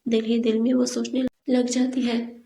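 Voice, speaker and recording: Woman reading a novel aloud, steady, gravelly, warm-ish tone. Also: a little high, echoey room. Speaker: storyteller. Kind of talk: audiobook novel narration.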